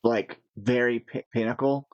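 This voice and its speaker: A man's voice: mid-range voice, moderate pace, dry recording. A man talks loosely over a gaming session, piling up restarts and breaking into nervous laughs. His voice sits in a middle register. The recording is dry and slightly dull, like a basic home headset mic. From United States. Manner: rambling, nervous laughs, animated. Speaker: gaming podcast co-host. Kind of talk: casual chat while gaming.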